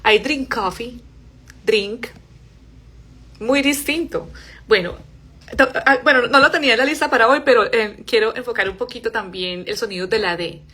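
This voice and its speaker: Speaking a little high, a young woman teaches a live English pronunciation session. Her explanations are in Spanish, and she models the English words softly and slowly.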